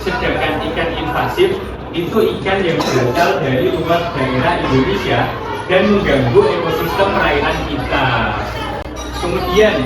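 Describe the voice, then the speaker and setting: A young man teaching a primary school class, speaking directly to the pupils and asking them questions. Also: on the high side. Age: young adult. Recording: roomy classroom audio, mic far off.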